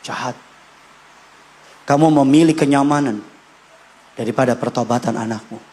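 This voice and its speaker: A male pastor, preaching an animated sermon that swings between loud bursts and quiet asides. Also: normal speed. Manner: animated, shifts pitch and loudness, acts out quotes with shouts. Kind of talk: lively sermon. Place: church.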